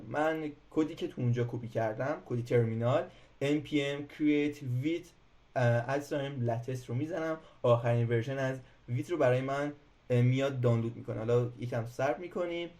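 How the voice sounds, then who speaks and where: Filler sounds and false starts run through a man's casual screen-recorded programming tutorial. The instructor's mid-range voice has a slightly mellow quality.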